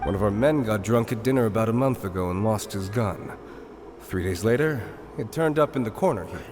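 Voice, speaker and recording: A man's voice: lowish voice, lively intonation, a little fast, a little mellow, lightly acted. A man playing a world-weary, guarded underworld informant in an anime game dub, with a dry, cautionary way of talking. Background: game music.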